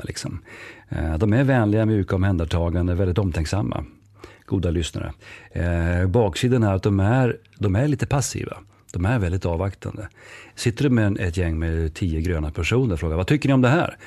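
This low-voiced man has a northern Swedish, Norrland accent and is heard in a clean studio with no echo. In conversation on a podcast, he tells stories in a lively way, performing the lines of each character.

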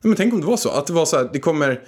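A man co-hosting a casual podcast, joking and rambling as he thinks out loud. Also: fairly high pitch, animated, breathy edge. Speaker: podcast co-host. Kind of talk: casual chat.

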